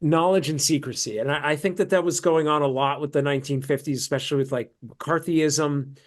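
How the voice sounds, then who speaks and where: A man's voice: on the high side, steady tone, brisk. An American man, an actor, chatting casually about films over a video call, rambling with lots of fillers and restarts. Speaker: actor and guest. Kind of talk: casual film discussion.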